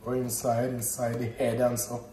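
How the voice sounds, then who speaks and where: A Jamaican man in his thirties talks through a home cooking demo with easygoing, chatty banter. His voice sits at an ordinary pitch and comes from a camera set back in the kitchen. The room adds a roomy echo, with clear background noise from the cooking. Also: completely flat delivery, normal speed, mellow, far from the mic. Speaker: cooking vlog host. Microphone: camera mic at a distance.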